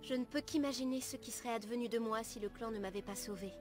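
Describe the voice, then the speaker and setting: A woman playing an earnest, gentle young elf apprentice in a video game, speaking formally and in measured, literary phrases. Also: on the high side, close to an everyday voice. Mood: grave, reflective. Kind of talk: video game dialogue acting. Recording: music behind the voice.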